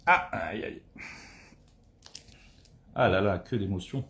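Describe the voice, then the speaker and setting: A man chatting casually during a live booster opening, excitable and swearing when he pulls a good card. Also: deep voice, takes it slowly, creaky, husky.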